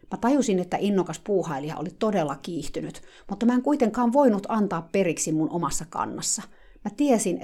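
A woman's voice: fairly low pitch, darkish tone. A woman telling a dramatic first-person diary story in a confiding, casual way.

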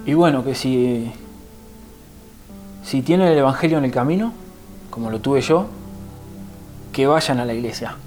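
A man's voice: mid-range voice, a little slow, pauses often, darkish tone, soft background music, rough recording. A man with a Rioplatense Spanish accent gives an emotional personal conversion testimony as a guest. He tells the story vividly and acts out what others said to him.

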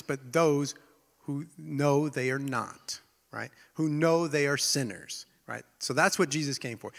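A man's voice: on the high side, a bit bright, in a large hall. A man with a nasal, congested-sounding voice giving a conversational sermon as a teaching pastor, informally checking in with listeners as he goes. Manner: informal, frequent check-ins like "right?" and "okay?".

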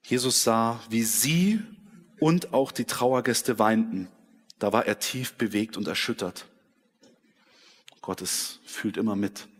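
A man preaching a sermon in a church hall, switching between dramatic scripture reading and quiet personal reflection. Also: fairly low pitch, slow pace, long pauses. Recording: long hall reverb.

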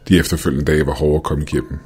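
A man reads a first-person ghost story in a calm, measured way. His voice sits extremely low, and quiet music runs underneath. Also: husky. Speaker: narrator. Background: faint music.

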